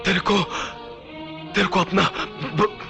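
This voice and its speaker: A gravelly, halting pleader. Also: male voice, high voice, flat delivery, over music, full character voice. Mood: pleading. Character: man pleading with an outlaw to see his own child. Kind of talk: 1990s Hindi film melodrama.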